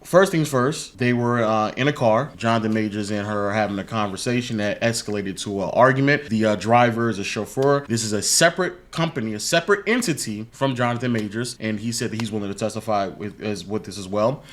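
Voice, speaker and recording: Male reaction host, low voice, chatty recap with lots of "um". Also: a little fast, few pauses. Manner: recounts details with many fillers. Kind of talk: casual group commentary.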